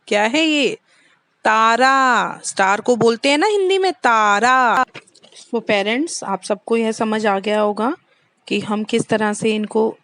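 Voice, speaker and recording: Slow sing-song Indian woman teacher. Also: fairly high pitch, fairly bright tone, dry recording. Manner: slow, drawn-out sing-song drilling of sounds. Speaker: kindergarten teacher. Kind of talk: online lesson for young children.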